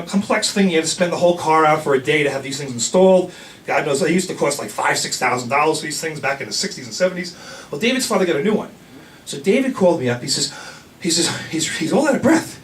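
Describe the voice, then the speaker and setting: An older man from the New York area tells a rambling personal story on stage, animated, restarting himself and laughing along the way. His voice is high-pitched, and the mic sounds distant.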